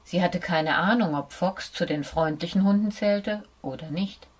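A woman reading a children's story aloud as narrator, in a calm and even manner. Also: fairly low pitch, normal speed, breathy edge.

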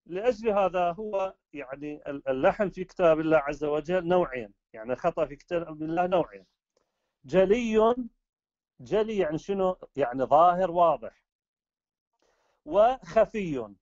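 A man's voice: a little high, lively intonation, moderate pace, pauses often, a little mellow, no room sound, lo-fi sound. A man with an Iraqi Arabic accent lecturing on the rules of recitation, explaining step by step and answering his own rhetorical questions.

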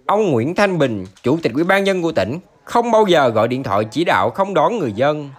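A man's voice: a little high, sing-song, brisk. A man reading scripted news narration for an online channel in a formal manner.

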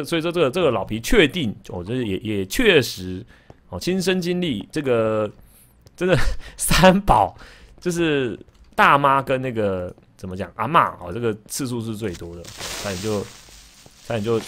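Stammering, lively Taiwanese-accented male streamer. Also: mid-range voice. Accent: Taiwanese Mandarin. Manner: animated storytelling with frequent stammered repeats; jokes with the chat. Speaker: game streamer. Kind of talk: casual livestream chat while gaming.

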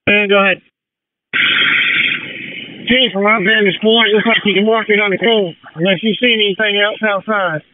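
A man's voice: high voice, steady tone, moderate pace, long pauses. A firefighter, a man, talking in terse, procedural police-style radio traffic over a two-way radio. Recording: tinny radio with faint noise.

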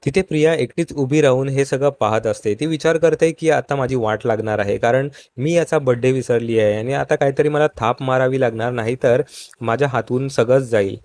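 A man narrates a TV serial recap in voice-over. His voice sits at an ordinary middle pitch, and he keeps a steady storytelling pace, talking to his viewers as friends. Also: brisk, no echo. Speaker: show recap host.

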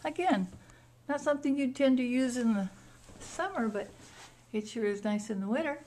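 Walking through the rooms of a house, a vacation rental host gives a casual tour in short descriptive phrases. Her voice is on the high side with a darkish tone, at a moderate pace. A handheld camera's built-in mic captured it, and the audio is noisy.

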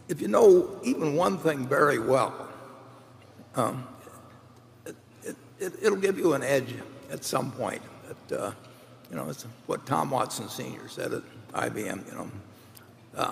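A man's voice: medium pitch, lively intonation, measured pace, creaky, pauses often, a little hiss or hum. An older man answering questions on a stage, talking off the cuff with many restarts and fillers. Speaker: chairman answering shareholder questions. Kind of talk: unscripted Q&A answers. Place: large hall stage, seated at table. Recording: large reverberant hall, faint ambience.

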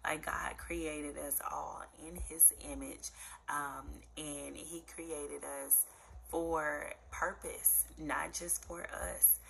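A young woman with a low-pitched voice full of vocal fry shares casual faith encouragement. She speaks earnestly and conversationally, repeating words for emphasis, and her tone has a bright, forward edge. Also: level tone, drawn-out words, slight background noise, poor audio. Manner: conversational, earnest, emphatic repetition, addresses listeners as y'all. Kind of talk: casual devotional encouragement vlog.

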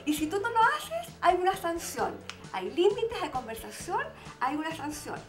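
A woman's voice: very high voice, wildly swooping pitch, normal speed, over music. A woman on a TV panel, explaining parenting in casual chat and often tagging her points with "¿cierto?". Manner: explanatory, with frequent "¿cierto?" tags.

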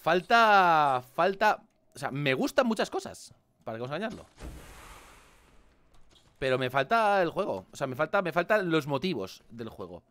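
A man with a Spain Spanish accent commenting on a game he plays, animated and swearing, with mock-dramatic outbursts. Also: on the high side, normal speed, long pauses. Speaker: gaming video host. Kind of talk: casual gameplay commentary.

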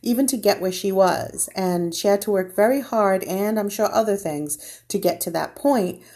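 A woman's voice: mid-range voice, moderate pace, a little mellow. A woman talking through a rambling, opinionated gossip monologue, often dropping into sarcastic, mocking quotes. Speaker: gossip vlogger.

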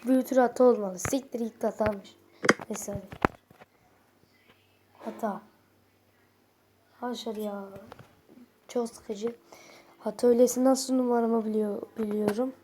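A woman's voice: on the high side, fairly even intonation, slow, long pauses, noisy background. A young woman with a stuffy nose reads a horror chat aloud to her viewers, swearing bluntly and casually as she goes. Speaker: vlogger.

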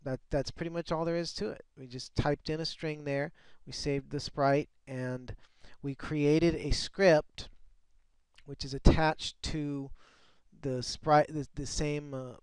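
Man explaining code, halting and repetitive. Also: a little high, steady tone, darkish tone, smooth, no echo. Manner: halting, repeats words while explaining. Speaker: software developer demonstrating his tool. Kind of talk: screen-recorded software tutorial.

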